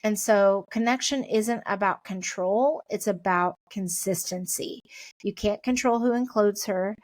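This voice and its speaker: A woman's voice: medium pitch, unhurried, no echo, studio quality. Chatty encouraging middle-aged woman. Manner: chatty, encouraging, talks things through. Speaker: parenting podcast host. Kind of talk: casual podcast pep talk.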